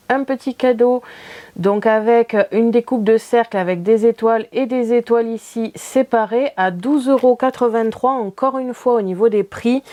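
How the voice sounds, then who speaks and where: French-sounding craft vlogger lady, chatty, lots of euhs, soft mellow tone. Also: on the high side. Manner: chatty, many fillers, light laughs. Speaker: craft channel host. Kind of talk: casual haul video.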